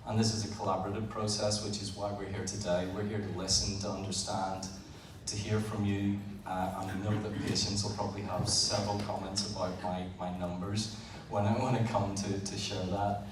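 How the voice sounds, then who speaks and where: An engineer from Northern Ireland gives a presentation to an audience in a large hall, his low, flat voice barely rising or falling. He speaks plainly and a little haltingly, with frequent "uh"s and repeated words. The mic sits far from him, so the room's echo and background noise come through clearly.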